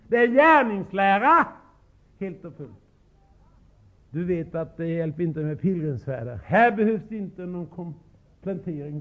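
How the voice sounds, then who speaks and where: An older man preaches with fervent emotion, his fairly high voice leaping to loud cries and dropping to hushed asides. The sound is thin and tinny, like an old narrow-band recording. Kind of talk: revival sermon.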